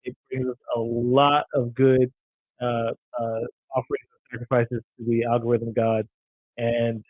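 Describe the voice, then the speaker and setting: A man co-hosts a casual live podcast with a playful, upbeat manner. He reads out discussion points and pitches the channel. The sound is dry and narrow, like a phone line. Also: flat delivery, unhurried, no room sound. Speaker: podcast co-host.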